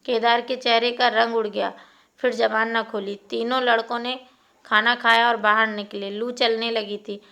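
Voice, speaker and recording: A woman reading a classic short story aloud in a steady, expressive narration. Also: on the high side, moderate pace.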